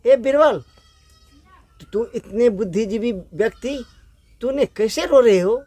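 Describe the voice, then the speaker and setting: A man's voice: very high-pitched, slow, a little mellow, no echo, pitched above the performer's own voice, full character voice. A man voicing a puzzled royal official who probes with incredulous questions, in a spoken folk story. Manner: incredulous, probing.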